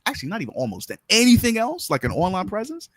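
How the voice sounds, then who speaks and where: A man's voice: sits high, wildly swooping pitch, fast, fairly bright tone, no echo, clean studio sound. A man with a Bermudian accent co-hosting a talk show, speaking emphatically and casually as he argues his views, repeating words for stress. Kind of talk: casual opinionated discussion.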